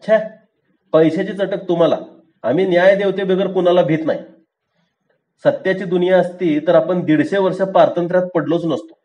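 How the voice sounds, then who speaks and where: A man's voice: sits high, fairly even intonation, moderate pace, muffled recording, voice pushed up, natural voice. A man doing a stubborn rustic milkman. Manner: rustic, dogged, self-righteous. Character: stubborn poor village milkman, middle-aged man.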